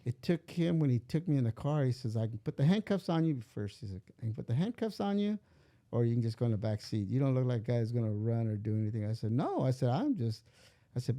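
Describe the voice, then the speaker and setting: A man's voice: medium pitch, vocal fry, mellow. An older man telling a long personal story in a casual interview, rambling and acting out the voices in it. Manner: rambling, acts out quoted dialogue. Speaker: father being interviewed.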